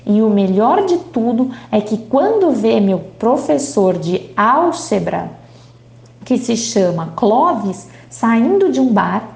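A woman's voice: on the high side, very animated, slow, vocal fry, darkish tone, reverberant, exaggerated voice. A woman reading aloud as a young boy who tells his dream in broken, childlike grammar. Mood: dreamy.

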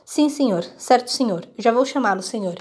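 A woman voicing a stiff, serious middle-aged father in a storybook reading, formal and gruff. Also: fairly high pitch, animated, normal speed, darkish tone.

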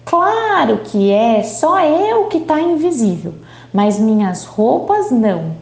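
A woman's voice: fairly high pitch, very animated, slow, vocal fry, a little mellow, roomy sound, exaggerated voice. A woman reading aloud as a young boy who tells his dream in broken, childlike grammar. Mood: dreamy.

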